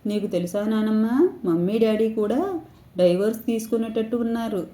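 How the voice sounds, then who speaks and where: Lady doing a weepy little boy, high and pleading, echoey room. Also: normal speed, warm tone, natural voice. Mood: tearful. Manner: sobbing, pleading child voice. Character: young grandson, tearful, clingy, anxious.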